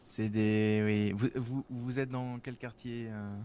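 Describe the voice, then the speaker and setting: A man playing a polite, fussy news director who talks in halting, hesitant bursts in casual role-play. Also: medium pitch, flat delivery, mellow, a little hiss or hum, natural voice.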